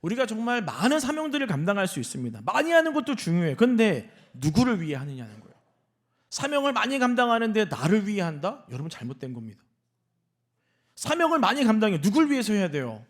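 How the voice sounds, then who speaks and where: A male senior pastor preaching a sermon in a church, animated and often asking the congregation questions. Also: high-pitched, fast. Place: church sanctuary.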